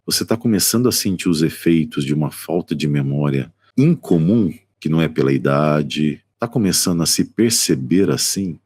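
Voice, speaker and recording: A man's voice: extremely low pitch, lively intonation, normal speed, hardly any pauses, a little mellow, no echo. A man with a Brazilian Portuguese accent, a psychotherapist speaking from his apartment on a live stream, talking straight to viewers in a conversational way and asking them rhetorical questions. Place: apartment at home.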